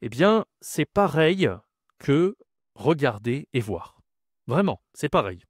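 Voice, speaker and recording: A man teaching French vocabulary, speaking slowly and repeating each word, often checking in with short questions. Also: on the high side, big pitch swings, dry recording, studio quality. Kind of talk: vocabulary lesson to camera.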